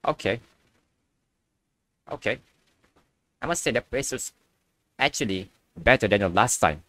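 A man's voice: on the low side, lively intonation, a little slow, fairly bright tone, dry recording. A young man giving casual reaction commentary as a video host.

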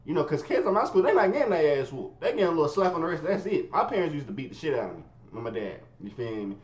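A man telling a story in casual, profane street slang, swinging from low mutters to high yelps. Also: sing-song, quick pace. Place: his bedroom. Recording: roomy, dull lo-fi sound.

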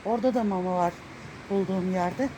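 A woman's voice: mid-range voice, fairly quick, dark tone. A woman walking through her neighborhood and filming on a handheld phone, fondly coaxing and scolding her pet cat to follow her. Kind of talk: casual walking vlog. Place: outdoors on neighborhood streets. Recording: noisy outdoor street recording.

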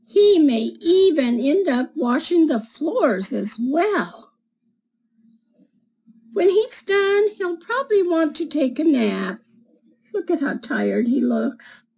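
In a small indoor room with bookshelves, a seventy-something woman reads a children's picture book to schoolchildren, deliberate in pace as she explains the pictures and gently quizzes them. She speaks in a high, very animated voice. A desk-distance webcam picks her up, and the audio is poor.

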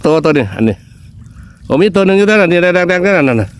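A man's voice: sits high, sing-song, quick pace. A man with a northeastern Thai accent giving exclamatory outdoor vlog commentary, repeating short phrases as he goes. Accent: northeastern Thai (Isan). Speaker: vlog host. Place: outdoors in the countryside.

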